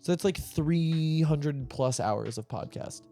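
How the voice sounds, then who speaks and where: A man's voice: on the high side, slow pace, warm tone, soft background music. A man co-hosting a podcast in casual chat, joking and swearing with frequent laughter. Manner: joking, profane, laughs often. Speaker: podcast co-host.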